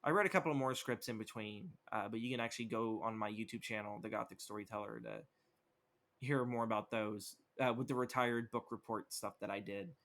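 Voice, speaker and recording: A man's voice: on the low side, a little fast, a bit bright. Rambling, cursing young man chatting. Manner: rambling, profane, lots of fillers. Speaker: podcast co-host. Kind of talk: casual chat.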